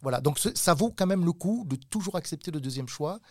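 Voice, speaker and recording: A man's voice: on the high side, expressive, fairly quick, darkish tone, dry recording. Middle-aged guy from the southwest, agent chatting in an interview, lots of ums and restarts, dry close mic. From southwest France. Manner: hesitant, many fillers and restarts. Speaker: talent agent for children. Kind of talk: casual interview talk.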